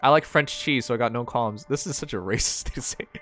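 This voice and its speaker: Talking fast in a medium-pitched, somewhat bright voice, a livestream host from Canada reads out chat messages with soft music playing behind him. English is his second language and he has a slight Chinese accent, and his style rambles and is blunt and profane.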